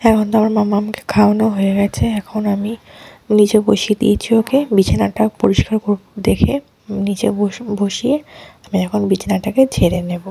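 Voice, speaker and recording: Hushed, husky young mother's voice-over. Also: little pitch movement, fairly quick. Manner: hushed and soft, speaking low so the baby can sleep. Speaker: mother and vlogger giving a voice-over. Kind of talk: quiet voice-over narration.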